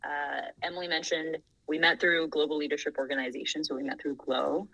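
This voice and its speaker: A woman's voice: low voice, little pitch movement, fairly quick, vocal fry, sharp tone, poor audio. A woman in her thirties from Thailand, a podcast guest talking earnestly and laughing easily. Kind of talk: casual interview.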